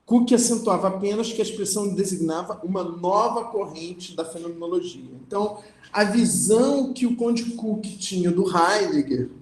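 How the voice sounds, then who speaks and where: High-voiced lecturer in an echoey room. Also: male voice. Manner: reads passages aloud, then comments with frequent "né?" and restarts. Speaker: philosophy lecturer. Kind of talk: lecture, reading and explaining a text.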